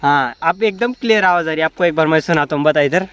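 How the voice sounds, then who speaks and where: A man's voice: fairly high pitch, quick pace, a bit bright. A man running a casual outdoor vlog, testing a homemade cup phone and calling out instructions to a helper far away. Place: outdoors in a rural open field. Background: faint background noise.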